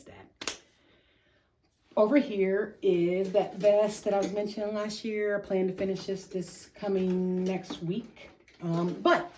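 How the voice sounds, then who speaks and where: A woman's voice: deep voice, mellow. A middle-aged woman hosting a craft vlog, chatting casually in a rambling, slangy way with self-deprecating humor. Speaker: craft show host.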